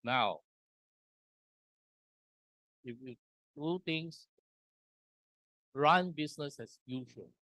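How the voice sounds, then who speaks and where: Man, from Singapore, conference talk, slow deliberate phrasing, mid pitch, dry sound. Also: a bit bright, no room sound. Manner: slow and deliberate, pausing between short phrases. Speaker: conference speaker. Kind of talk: conference presentation walking through slides. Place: conference hall.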